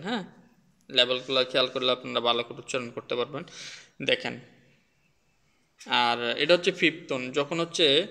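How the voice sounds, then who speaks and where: Bright-voiced man teaching tones. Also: medium pitch, long reverb tail. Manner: demonstrates sounds, mixes in English words. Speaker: language teacher. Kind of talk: casual video lesson.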